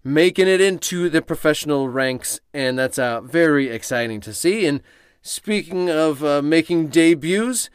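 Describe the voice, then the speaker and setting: Male sports podcast host, smooth voice, halting conversational delivery, very dry sound as if recorded inside a closet. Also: on the high side, expressive, dry recording. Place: small closet under the stairs.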